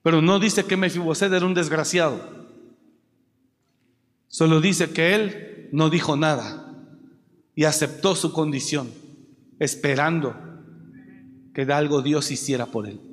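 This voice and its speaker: A man preaching a sermon, moving from quiet storytelling to shouted exhortation. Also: fairly high pitch, steady tone, a little slow, long pauses, big-room sound.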